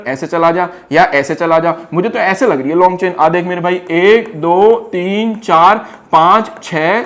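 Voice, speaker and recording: Young guy teaching chem, high voice, keeps firing questions at you like a big bro. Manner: brotherly, teasing, quizzes the student rapid-fire. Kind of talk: lively board-exam chemistry lesson.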